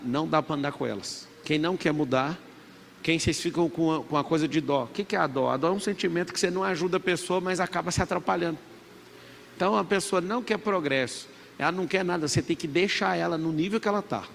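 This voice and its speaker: A man's voice: fairly high pitch, quick pace, creaky, a bit bright. A man in his thirties with a Brazilian Portuguese accent giving an emphatic motivational talk to a live audience in a large event hall. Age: 30s. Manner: emphatic, preachy, has the crowd repeat after him. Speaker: motivational speaker. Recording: reverberant event hall with faint background noise.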